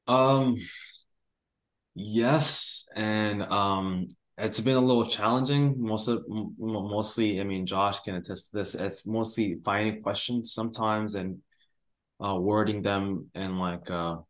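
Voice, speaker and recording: A man's voice: on the low side, steady tone, slow. A young man from Rwanda, a university student, answering interview questions casually with many hesitant fillers. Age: young adult.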